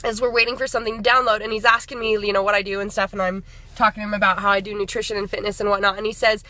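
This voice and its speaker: Bright-voiced upbeat woman in her thirties. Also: medium pitch, little pitch movement, very fast, no echo. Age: 30s. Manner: chatty, upbeat, many fillers and restarts. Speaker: fitness and nutrition coach. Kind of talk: casual motivational vlog.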